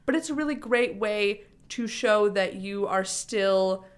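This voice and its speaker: A woman's voice: mid-range voice, measured pace, smooth. A woman speech coach co-hosting a podcast, chatting in an upbeat way with many fillers. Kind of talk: casual podcast chat.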